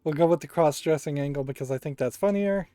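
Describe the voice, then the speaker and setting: A man's voice: fairly high pitch, fast talker, mellow, clear, resonant tone. A man giving casual, analytical video game commentary, musing aloud as he plays. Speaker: host of a video game playthrough. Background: game music.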